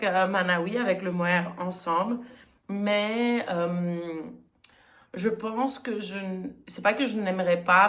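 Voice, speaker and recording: A woman hosting her knitting podcast in a casual, chatty way, often pausing with hesitant fillers. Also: medium pitch, a bit bright. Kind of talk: casual chat.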